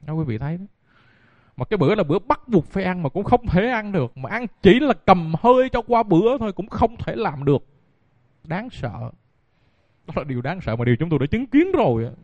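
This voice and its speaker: A Buddhist monk speaks fairly quickly in a high, darkish-toned voice with big pitch swings, telling stories in a dharma talk aimed directly at his audience. The recording is dry, dull, and lo-fi.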